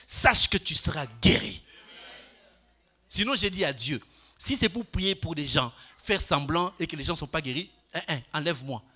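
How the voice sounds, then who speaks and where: An older man preaching a Bible study to a congregation, putting questions to them and swinging between loud declarations and quiet asides. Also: sits high. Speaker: pastor. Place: church.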